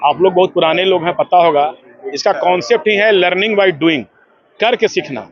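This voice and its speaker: A man's voice: high-pitched, moderate pace. A man who heads a school, speaking to a news camera in an earnest, emphatic, lecturing way. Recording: dull lo-fi news audio.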